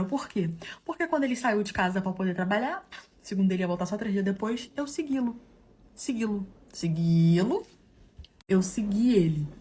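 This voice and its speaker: A woman telling a dramatic personal story in an animated, gossipy way, acting out the dialogue and calling her listeners "love.". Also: medium pitch, slight background noise.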